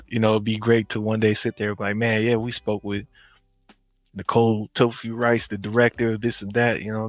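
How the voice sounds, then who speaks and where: Low, flat-voiced man encouraging a guest. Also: dry recording. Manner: encouraging, repeats himself. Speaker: podcast co-host. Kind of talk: casual podcast chat.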